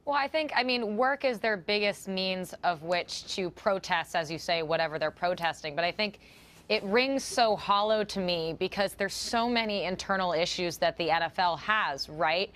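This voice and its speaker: A woman guest on a news panel who gives her opinion in a steady, argumentative flow. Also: lowish voice, moderate pace.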